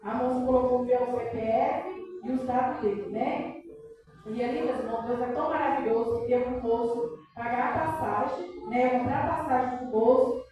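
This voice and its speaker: High-voiced Brazilian woman, echoey church hall. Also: steady tone, normal speed, warm tone, far from the mic, soft background music. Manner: emotional, peppered with praise interjections. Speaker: church member giving testimony. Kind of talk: fervent church testimony.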